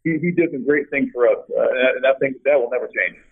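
A man's voice: mid-range voice, fast, husky. A middle-aged man, a former college basketball player, telling stories as a guest over the phone with many restarts. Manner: storytelling, many restarts, animated when quoting. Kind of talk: casual interview over the phone. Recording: tinny phone line.

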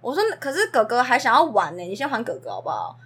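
A woman's voice: a little high, quick pace, breathy edge. A woman, a daycare teacher telling classroom stories in casual chat and acting out the children's lines. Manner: animated storyteller, acts out children's lines.

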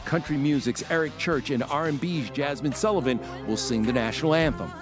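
A man's voice: on the high side, a little fast. A man voicing an entertainment news segment in a punchy, upbeat read. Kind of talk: news package voice-over. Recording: music bed under the voice. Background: music.

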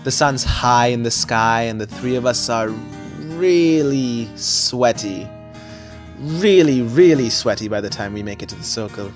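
A man's voice: medium pitch, expressive, measured pace, faint music behind, natural voice. A young man narrating in first person as the lead of an audio drama, chatty with wry, self-deprecating asides. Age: young adult.

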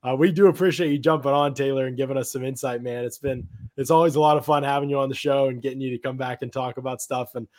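A man hosts a casual sports podcast with a voice that cracks and strains as he talks. His pitch is mid-range and the sound is close and dry. He speaks informally and chummily, like he is among buddies. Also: flat delivery, quick pace, few pauses, darkish tone, no room sound. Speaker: podcast host.

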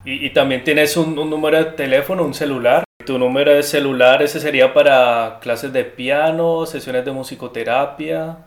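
A man's voice: medium pitch, steady tone, normal speed, hardly any pauses, roomy sound. A man hosting a podcast interview, friendly and wishing his guest well. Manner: friendly, warm sign-offs. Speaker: podcast host.

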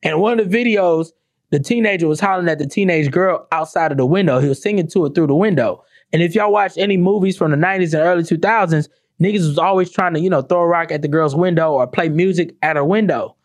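A young adult man ranting comedically to camera, profane and animated, breaking into mock-sung lyrics. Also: a little high, fast, no room sound, studio quality. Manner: animated, profane, sings song lyrics mockingly. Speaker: commentator.

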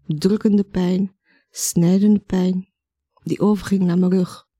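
Slow, mellow woman telling her story. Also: on the low side, fairly even intonation, breathy edge, no room sound, studio quality. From Belgium. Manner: slow, reflective, acts out her own and others' words. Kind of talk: personal storytelling narration.

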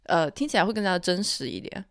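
A woman co-hosting a podcast in casual, reflective chat, sounding calm, cool and rational. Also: fairly low pitch, fast talker, clean tone, dry recording, studio quality. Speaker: podcast co-host.

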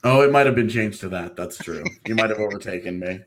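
A man's voice: lowish voice, fast talker, fairly bright tone, slight background noise. A man co-hosting a sports podcast in casual, joking banter.

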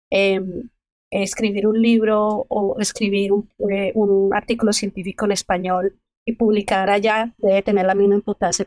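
A middle-aged Colombian woman speaks as a guest in an interview, giving advice in a steady, earnest way. Her voice sits at a moderate pitch. The sound is dry and close, with no room echo. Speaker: medical geneticist, podcast guest. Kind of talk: interview answers.

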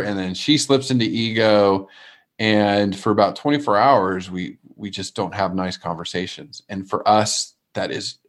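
Male co-host, lowish voice, earnest confessional chat, open and a bit rambling. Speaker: podcast co-host. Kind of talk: casual reflective chat. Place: remote call from abroad.

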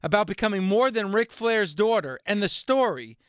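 A man's voice: high voice, sing-song, normal speed, clean tone. A man hosting a radio show, reading scripted wrestling documentary narration. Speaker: radio host.

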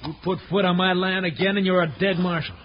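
An actor playing a menacing, hot-tempered rancher in a 1950s radio western. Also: male voice, sits high, level tone, quick pace, close to an everyday voice. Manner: gruff, threatening. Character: menacing rancher villain, threatening, quick to rage. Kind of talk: 1950s radio drama acting. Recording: dull, noisy old radio recording.

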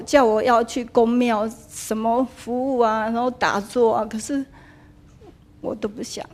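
A woman's voice: on the high side, a little mellow. A woman with a Taiwanese accent, in her thirties or forties, telling a teacher her personal story, slipping into Taiwanese Hokkien when quoting people. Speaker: attendee asking a spiritual teacher. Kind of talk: personal testimony in a dharma hall.

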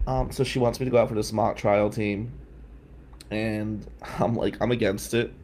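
A man's voice: lowish voice, fairly even intonation, moderate pace, darkish tone, a little hiss or hum. A middle-aged man from New Jersey hosting a live stream, telling a rambling story with many tangents. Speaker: host.

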